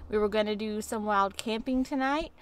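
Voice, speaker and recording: A travel vlogger in her thirties talks casually to a camera held at arm's length, walking viewers through plans and practical tips from her car and outdoors at castles. Her mid-range voice is smooth, at a moderate pace.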